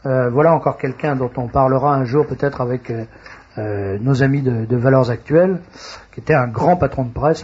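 A man with a husky, slightly rough voice hosts a radio talk show, reading out announcements and stopping often to hesitate. The recording is dull and lo-fi. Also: mid-range voice, a little mellow. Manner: halting, frequent hesitations. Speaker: radio host.

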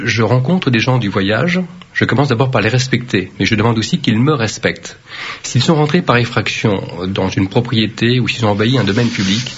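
A man who serves as a mayor, answering interview questions firmly and deliberately, with frequent hesitations. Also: medium pitch, husky. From Vietnam. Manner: firm, measured, with frequent hesitations. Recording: dull lo-fi radio recording.

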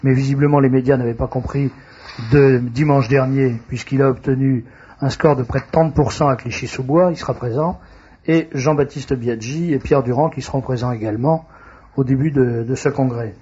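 A man with a husky, slightly rough voice hosts a radio talk show, reading out announcements and stopping often to hesitate. The recording is dull and lo-fi. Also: mid-range voice, fairly even intonation, dark tone. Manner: halting, frequent hesitations. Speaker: radio host.

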